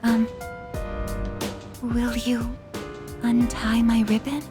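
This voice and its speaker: A woman voicing a gentle, formal android girl in a video game. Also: a little high, completely flat delivery, very slow. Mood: tender, hesitant. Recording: game music behind the voice.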